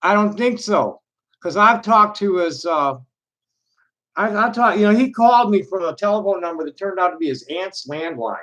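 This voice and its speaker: A man with a slightly high-pitched voice hosts a loose online discussion. He talks in a casual, rambling way, blunt and sweary, often halting as he searches for words. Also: animated, pushed and bright, poor audio.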